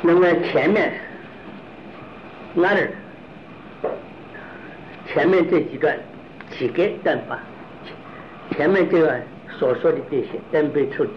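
Halting man giving a Buddhist lecture. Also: a little high, lo-fi sound, a little hiss or hum. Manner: halting, repeats and restarts phrases, asks rhetorical questions. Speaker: Buddhist philosophy teacher.

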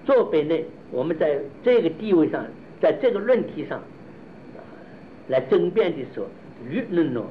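A man gives a Buddhist doctrinal lecture, talking in a halting way, restarting phrases and asking his listeners rhetorical questions. His voice sits somewhat high for a man. The recording sounds dull and lo-fi, with a faint hiss of noise underneath. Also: very animated. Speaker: Buddhist philosophy teacher.

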